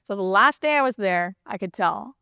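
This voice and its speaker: A woman with a mid-pitched voice speaks casually as a hospice nurse being interviewed. She explains and tells stories with emphatic repeats and little check-in questions. The sound is dry, with almost no room echo. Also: normal speed, creaky, clear, resonant tone. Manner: animated, emphatic repetition, frequent check-in questions like "right?". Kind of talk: casual conversational explaining and storytelling.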